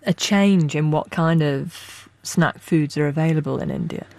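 Low-voiced woman radio presenter. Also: measured pace, a little mellow, dry recording. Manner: crisp, scripted links and questions. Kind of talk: broadcast presenting.

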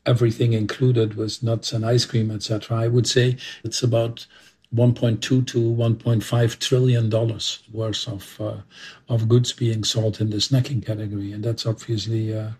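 A man with a low, husky voice and a flat delivery, a former executive speaking in a measured way. He pauses on "uh" as he works through his points. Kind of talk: interview answers.

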